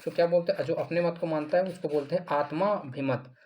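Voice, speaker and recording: A man's voice: fairly high pitch, fairly quick, lo-fi sound, slight background noise. A male teacher walking through mock exam answers, repeating each answer and asking then answering his own questions. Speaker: Hindi grammar teacher.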